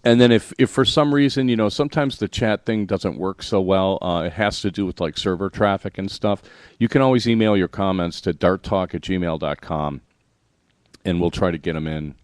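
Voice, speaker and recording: A man hosting a podcast in casual chat, rambling and correcting himself as he explains things slowly. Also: low-pitched, no room sound. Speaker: podcast host.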